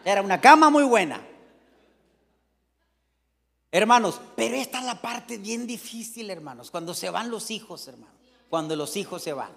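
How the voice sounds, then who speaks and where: A man's voice: high voice, expressive, brisk, creaky, a bit bright, breathy edge, in a large hall. A middle-aged man preaching a sermon in a folksy, joking way, calling out to the congregation again and again.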